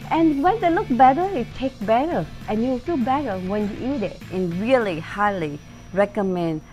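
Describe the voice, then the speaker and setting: In a testimonial interview, a middle-aged woman who owns a restaurant recounts her story from her dining room with sincere enthusiasm. Her voice is high-pitched but darkish in tone.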